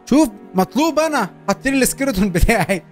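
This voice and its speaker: Excitable young Egyptian gamer. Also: male voice, very high-pitched, fast talker, faint music behind. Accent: Egyptian Arabic. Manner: excitable, joking, urging his character on. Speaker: gaming YouTuber. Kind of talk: Let's Play commentary.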